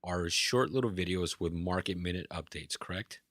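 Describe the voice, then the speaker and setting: A man's voice: low voice, moderate pace, a bit bright, no echo, clean studio sound. A man hosting a podcast, asking short friendly follow-up questions. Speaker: podcast host. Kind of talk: interview questions.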